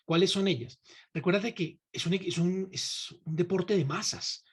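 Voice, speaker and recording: A man's voice: high-pitched, measured pace, slightly rough. A man hosting a conversational interview, speaking reflectively and emphatically while putting probing questions to his guest. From Colombia. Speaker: host.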